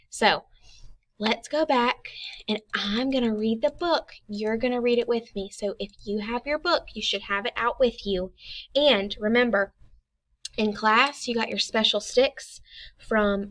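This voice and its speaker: A young woman leads a reading lesson for small children in a bright, slightly high voice. She talks with upbeat energy and slows right down to read each page aloud. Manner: animated, upbeat, slow read-aloud of book lines. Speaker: teacher.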